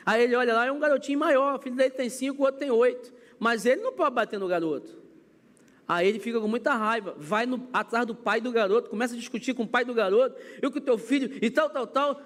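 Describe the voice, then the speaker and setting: A man's voice: very high-pitched, a bit bright. A Brazilian man preaching as a pastor, acting out everyday scenes with quoted voices in a church. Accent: Brazilian Portuguese. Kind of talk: sermon. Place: church sanctuary. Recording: long church hall reverb.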